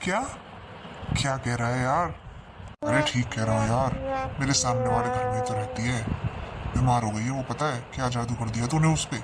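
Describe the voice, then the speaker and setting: A man playing a flustered young husband in a comic sketch, talking fast to cover himself. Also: mid-range voice, big pitch swings, lightly acted. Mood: casual. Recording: loud background noise.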